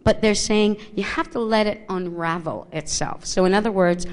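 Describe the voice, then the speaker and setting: A woman doing psychic readings for a live audience in a small theater, holding a handheld mic. She talks in a halting, searching way, stopping and restarting as she works through what she senses. Her voice sits at a middling pitch for a woman. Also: clean tone. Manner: halting, thinking aloud with many restarts. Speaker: psychic medium. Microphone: handheld microphone.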